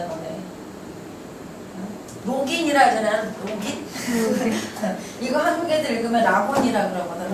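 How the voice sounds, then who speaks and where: Teasing woman teacher in an echoey room. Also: a little high. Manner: brisk, teasing, quizzes students. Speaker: English teacher. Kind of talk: classroom lecture. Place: classroom. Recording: echoey classroom from far off, noisy.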